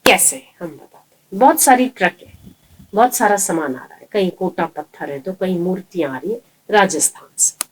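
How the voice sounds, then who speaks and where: A woman's voice: lowish voice, moderate pace. A woman preacher giving a sermon, telling parables and asking rhetorical questions. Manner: lively storytelling, rhetorical questions. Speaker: spiritual preacher.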